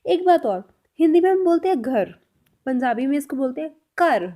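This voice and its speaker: A woman teaching a spoken language lesson, saying each example sentence slowly and repeating it. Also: high voice, expressive, dark tone.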